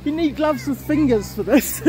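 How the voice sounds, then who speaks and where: A woman's voice: sits high, moderate pace, crowd noise. A young woman with a New Zealand accent, chatting casually and pointing out sights on a road trip vlog, recorded on a handheld camera. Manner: chatty, giggly, narrates sights. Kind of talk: casual chat. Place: in a car, then outdoors in snow. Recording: noisy handheld camera audio.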